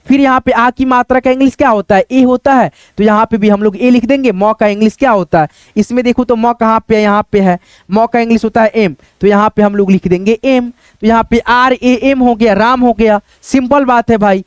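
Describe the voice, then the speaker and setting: A man with a very high, smooth and clear voice teaches a casual video lesson. He works through examples step by step and keeps turning to his viewers with questions and little prompts. The recording is close and dry, with no room sound. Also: fairly even intonation, fairly quick, no echo. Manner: repeats "dosto" and "dekho", asks the viewers questions.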